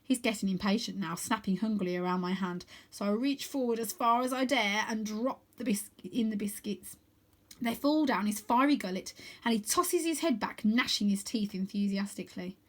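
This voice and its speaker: A woman reads a children's story aloud, narrating expressively at a moderate pace in a medium-pitched voice, like a storybook reader.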